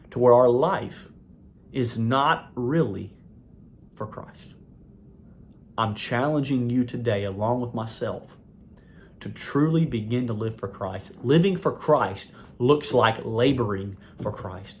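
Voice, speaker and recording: A man preaching a sermon in an earnest, exhorting manner, repeating phrases and pushing higher and louder to drive points home.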